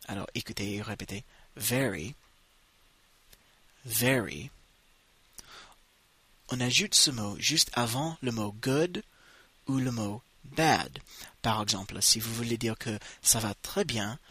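Slow, bright-toned male language teacher. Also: lowish voice, slightly rough, dry recording. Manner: slow, drawn-out model phrases for repetition. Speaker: English teacher. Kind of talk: bilingual language lesson.

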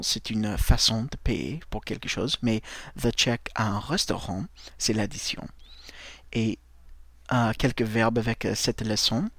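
A man gives a language lesson in a very slow, deliberate voice. He repeats each word and spells it out letter by letter. The recording is dry and close, with no room sound. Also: medium pitch, a bit bright, no room sound. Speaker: English teacher.

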